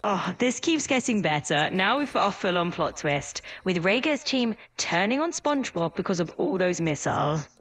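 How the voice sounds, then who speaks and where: A woman's voice: fairly low pitch, very animated, moderate pace, hardly any pauses, no room sound. A woman's voice, an AI assistant, answering in an upbeat, agreeable, eager-to-please way with frequent light laughs. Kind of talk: chatty conversational replies.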